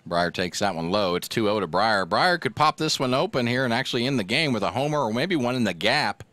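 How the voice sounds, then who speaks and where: A man calls a small-town high school baseball game in a relaxed, joking way. His voice is mid-pitched and sits close and dry on the mic. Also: brisk, dry recording. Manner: relaxed, joking, gets loud and excited on the home run. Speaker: play-by-play announcer.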